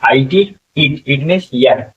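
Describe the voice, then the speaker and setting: A man's voice: medium pitch, takes it slowly, a bit bright, slightly rough, recorded from a distance. A man teaching English reading in Hindi, spelling words letter by letter and repeating them as he asks the class what they become. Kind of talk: slow spelling lesson. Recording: tinny phone-like sound from off mic.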